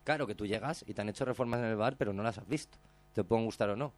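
A man hosting a casual radio chat show, retelling a story with lots of swearing and loud acted-out quotes. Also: on the low side, rapid-fire, dry recording. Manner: animated storyteller, swears freely, acts out quotes loudly. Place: radio studio.

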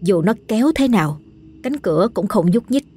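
A woman narrating a scripted ghost story in a steady, measured storytelling manner. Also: medium pitch, husky.

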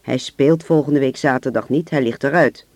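A man voicing a gruff, irritated male store manager and coach who talks curtly and dismissively. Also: mid-range voice, normal speed, dry recording, natural voice. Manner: curt, dismissive, blunt.

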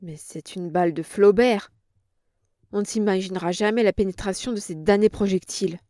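A harsh, scheming villain who snaps orders in a loud, commanding voice, voiced by a woman reading the novel. The storybook recording is dry and close. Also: mid-range voice, moderate pace, no room sound, lightly acted. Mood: brooding. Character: brutal scheming male villain, middle-aged.

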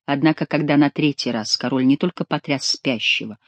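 A woman reading a classic historical novel aloud in a measured, expressive manner. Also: rumbling low, no room sound. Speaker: audiobook narrator. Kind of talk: literary audiobook narration.

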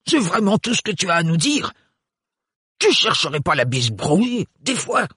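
A man's voice: sits high, big pitch swings, normal speed, bright, forceful tone, breathy edge, no room sound, studio quality, voice pushed up, full character voice. A man voicing an angry old great-uncle who growls and scolds, in a storybook audiobook.

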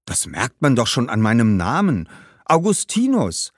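Man doing a high eager schoolboy voice, earnest and bookish, dry sound. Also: huge pitch swings, a little slow, dry recording.

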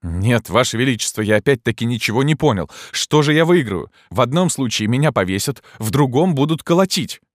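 A man's voice: medium pitch, expressive, a little fast, hardly any pauses, no echo, studio quality, pitched above the performer's own voice, close to an everyday voice. A man voicing a nervous young poet. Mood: alarmed protest. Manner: pleading, nervous protests. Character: anxious talkative male poet, young.

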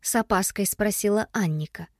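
A woman narrating a children's storybook aloud in an expressive, lively storytelling manner. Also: mid-range voice, moderate pace, no room sound, studio quality. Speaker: audiobook narrator.

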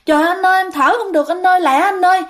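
A woman's voice: extremely high pitch, very fast, voice pushed up. A woman voicing a panicked young husband who is gasping for breath and pleading desperately.

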